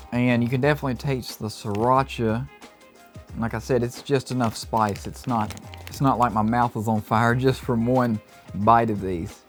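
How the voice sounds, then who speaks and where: A man giving an enthusiastic, casual review of low-carb snacks, reacting as he tastes them. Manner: upbeat, enthusiastic tasting reactions. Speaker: food reviewer. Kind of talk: casual product review vlog.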